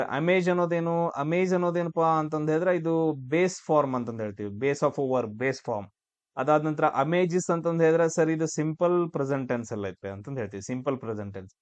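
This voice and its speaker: A man's voice: a little high, no echo, lo-fi sound. A man teaching exam grammar, asking and answering his own questions. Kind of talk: classroom-style grammar lesson.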